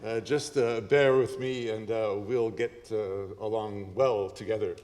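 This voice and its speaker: A man with a Canadian accent giving a conference lecture, lively with joking asides and frequent ums and uhs. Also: fairly low pitch, a little slow. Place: conference hall. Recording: hall reverb.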